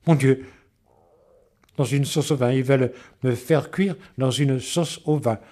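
A man's voice: mid-range voice, measured pace, dark tone, close to an everyday voice. A man voicing a proud, fussy male rooster in a storybook reading. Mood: dismayed.

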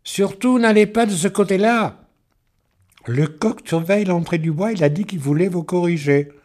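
A man voicing an eager, lively little farm girl in a storybook reading. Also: natural voice. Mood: alarmed. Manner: high, bright and quick.

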